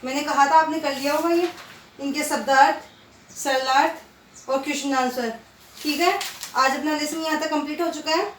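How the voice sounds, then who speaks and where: A woman's voice: high voice, fairly even intonation, moderate pace, pauses often, fairly bright tone, far from the mic, slight background noise. A woman teaching a primary school class, patiently drilling pronunciation and asking and answering her own questions. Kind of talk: recorded online class lesson. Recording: roomy, from off-mic.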